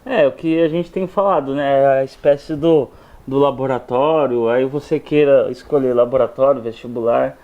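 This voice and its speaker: A man's voice: mid-range voice, normal speed, narrow, tinny audio. A man giving blunt, opinionated football commentary in a studio chat, speaking straight to the fans. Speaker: sports commentator. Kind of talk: casual studio sports chat.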